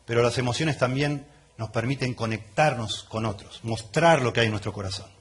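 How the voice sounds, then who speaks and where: Middle-aged Argentine pastor, conversational sermon. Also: male voice, mid-range voice, a little fast, breathy edge. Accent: Argentine Rioplatense Spanish. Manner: conversational, often checks in with the listeners. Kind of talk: expository sermon.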